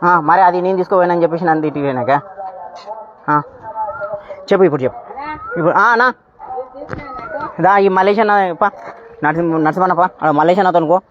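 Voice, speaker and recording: A man's voice: high-pitched, fairly quick, long pauses. A man arguing insistently in a comedy skit, as a mechanic demanding his pay and scolding his helper. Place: outdoor workshop. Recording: dull lo-fi phone audio with crowd behind.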